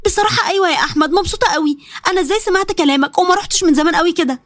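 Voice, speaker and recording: A woman's voice: very high-pitched, rapid-fire, fairly bright tone, no room sound, studio quality. A woman voicing a plaintive young Egyptian wife. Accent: Egyptian Arabic. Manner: complaining. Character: young overweight wife, self-conscious, plaintive.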